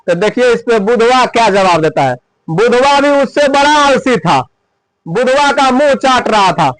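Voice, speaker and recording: A man's voice: very high voice, animated, unhurried, fairly bright tone, no room sound, poor audio. A man telling and explaining a textbook story, asking and answering his own questions again and again.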